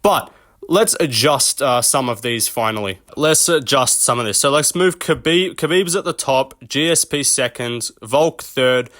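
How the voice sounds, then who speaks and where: A man's voice: medium pitch, a little slow, a bit bright, dry recording, studio quality. Rambling, swearing young man riffing on fighters. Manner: rambling, swears, chuckles at his own jokes. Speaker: MMA commentary channel host. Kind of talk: casual off-the-cuff commentary.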